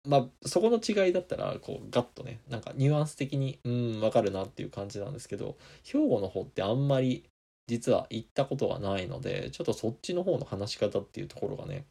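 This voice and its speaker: A man's voice: mid-range voice, animated, fast talker, gravelly, mellow. A man from Kansai, Japan, hosting a podcast and answering listener comments in a meandering, chatty way. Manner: meandering, chatty, many small asides. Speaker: podcast host.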